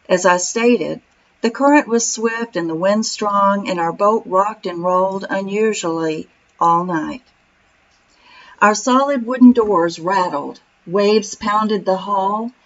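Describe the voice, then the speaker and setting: A woman tells a scripted story as voice-over narration in an even, storytelling manner. Her pitch sits in the middle of the range. The recording sounds a little dull and lo-fi. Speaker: vlog narrator.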